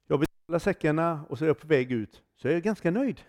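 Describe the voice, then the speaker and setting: Mellow-voiced man preaching a sermon. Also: on the high side, animated. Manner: storytelling, acting out dialogue, conversational tags. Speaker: guest preacher. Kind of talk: sermon with personal testimony.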